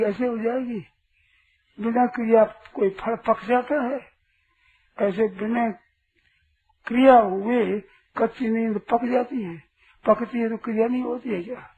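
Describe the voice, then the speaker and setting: A man giving a spiritual discourse to an audience as a teacher, asking rhetorical questions and sternly correcting a questioner. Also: high voice. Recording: tinny lo-fi recording with faint hiss.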